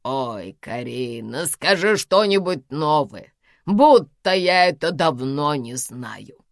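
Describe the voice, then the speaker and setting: A woman reading an audiobook, voicing a domineering elderly woman of eighty-two who scolds in slow, drawn-out, commanding phrases. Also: low-pitched, animated, no room sound, clean studio sound, full character voice. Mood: scolding, domineering. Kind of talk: audiobook character voice.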